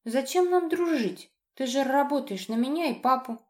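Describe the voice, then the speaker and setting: A woman reading an audiobook, voicing a cold, haughty little girl who answers in slow, clipped words. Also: high voice, animated, a little mellow, voice pushed up.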